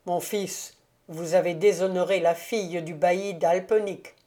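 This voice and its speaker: A woman's voice: on the low side, fairly even intonation, measured pace, warm tone, lightly acted. A woman reading as a grave old count. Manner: grave, sadly ironic. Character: stern sorrowful old male count.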